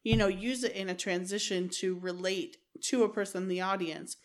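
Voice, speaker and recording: A woman comedian talking in a casual podcast chat, in a measured, conversational way. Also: mid-range voice, steady tone.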